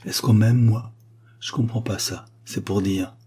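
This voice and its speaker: A timid young workman stammers out his words in awe, as a male narrator gives him a voice. The voice is low and dark, with a husky grain. He sounds lonely and amazed that anyone would care for him. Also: steady tone, measured pace. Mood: wondering. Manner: stammering, wondering. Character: shy lonely young working man, timid and awestruck.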